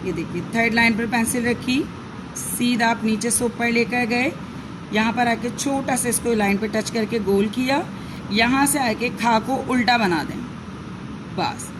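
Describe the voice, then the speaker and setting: A woman from Pakistan with a Pakistani Urdu accent, teaching young children to write and sound out letters in slow, repeated steps. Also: on the high side, noisy background. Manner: slow, repetitive step-by-step instruction. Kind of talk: handwriting and phonics lesson for young children.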